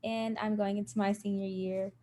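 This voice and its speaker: A young woman from Kentucky, a student, giving a class presentation over a video call in a steady, prepared way. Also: mid-range voice, normal speed. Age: young adult.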